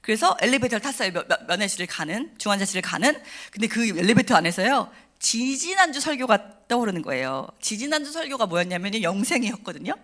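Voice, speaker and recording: Lively fast-talking woman giving testimony. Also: medium pitch. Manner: animated storytelling, acting out quoted voices and shouting. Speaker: testimony speaker at a church service. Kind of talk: emotional personal testimony. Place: church sanctuary.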